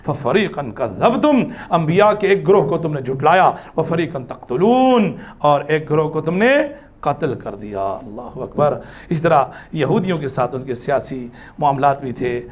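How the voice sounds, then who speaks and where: A man teaching a religious class, lively and emphatic, chanting scripture slowly between explanations. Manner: animated, rises high for emphasis, chants Arabic verses slowly; ends in soft, low supplication. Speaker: Islamic teacher.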